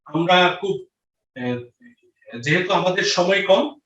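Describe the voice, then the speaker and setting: Guy teaching grammar, high voice, sounds far off in an echoey room, dull lo-fi sound. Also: animated, slow pace, fairly bright tone. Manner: repeats questions and answers, drills students. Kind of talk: online grammar lecture. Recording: roomy, distant, dull lo-fi audio.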